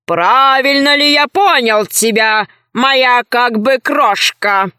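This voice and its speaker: A woman doing a slow, booming, mocking general. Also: pushed and bright, smooth, no room sound, studio quality. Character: masked male tyrant general, slow and mocking. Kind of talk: audiobook character voice.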